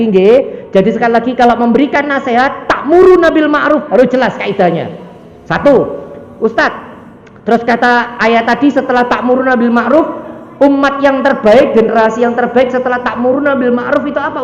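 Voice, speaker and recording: A man with an East Javanese accent preaching a lively, jokey mosque sermon and mimicking the people in his examples. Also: very high voice. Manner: lively, jokey, acts out quoted voices. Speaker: ustadz preacher. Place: mosque hall. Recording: echoey dull hall sound, faint background noise.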